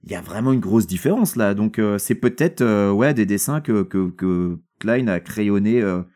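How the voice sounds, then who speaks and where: A man's voice: fairly low pitch, lively intonation, moderate pace, warm tone. Man chatting loosely about a book. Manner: joking, rambling with fillers. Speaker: podcast co-host. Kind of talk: casual book discussion.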